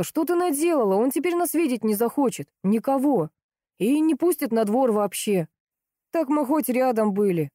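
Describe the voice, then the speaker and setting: Slow dazed tipsy brother, grumbly, mellow soft tone, as a woman reads him. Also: medium pitch, no echo, studio quality, close to an everyday voice.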